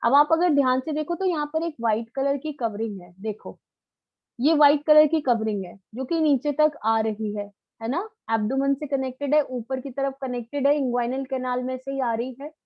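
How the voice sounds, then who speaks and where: A woman's voice: sits high, moderate pace, no room sound, muffled recording. A woman biology teacher giving a live online lecture, coaxing answers out of her students in a familiar, quizzing way.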